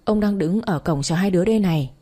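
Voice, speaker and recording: A woman's voice: on the low side, fast talker, warm tone, close to an everyday voice. A woman voicing an elderly grandfather who fusses impatiently.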